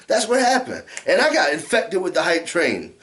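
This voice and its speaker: A man's voice: high voice, huge pitch swings, moderate pace, fairly bright tone. A middle-aged American man in a casual vlog rant, drunk, rambling and repeating himself, swearing heavily. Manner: heavily profane. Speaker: amateur movie reviewer.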